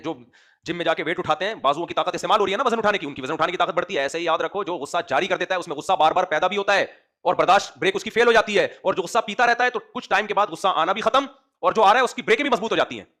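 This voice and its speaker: A man's voice: high-pitched, racing, pushed and bright. A man giving a sermon as an Islamic preacher, speaking with a rhetorical manner and often addressing his listeners directly.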